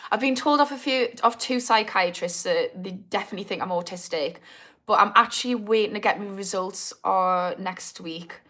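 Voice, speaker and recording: A woman in her thirties with a Geordie accent chats casually on a livestream, her medium-pitched, slightly bright voice moving at a normal speed. She answers viewer comments with self-mocking humour and laughs often.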